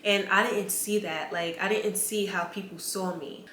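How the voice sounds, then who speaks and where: A woman in her twenties vlogs candidly into her camera mic, chatting casually and using lots of "like" fillers. Her medium-pitched voice is pushed and bright, with fairly even intonation and an unhurried pace. The roomy recording has faint ambience and slight background noise.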